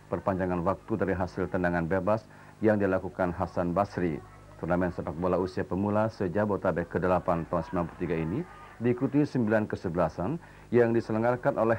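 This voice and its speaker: An Indonesian man anchors a television newscast in a notably low voice. He reads from a script formally, with measured enunciation. The old broadcast recording carries faint noise behind him. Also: darkish tone. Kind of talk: formal scripted news reading.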